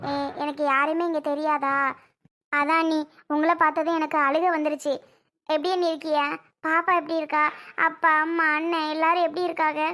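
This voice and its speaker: High bright voice, child playing a tearful young wife, soft pleading manner, homemade drama. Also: flat delivery, a little fast. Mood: sad. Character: tearful young married woman, gentle and pleading.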